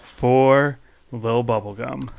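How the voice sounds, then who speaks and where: Male podcast host, medium pitch with gravel, playful teasing interviewer. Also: fairly even intonation, takes it slowly, a crowd in the background. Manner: joking, teasing, swears casually. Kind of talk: casual interview chat.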